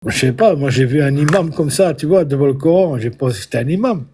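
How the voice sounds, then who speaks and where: A man's voice: a little high, expressive, fast, warm tone, a little hiss or hum. A middle-aged man from Belgium calling into a live stream, speaking earnestly and a bit hesitantly. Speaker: caller. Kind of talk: casual conversation.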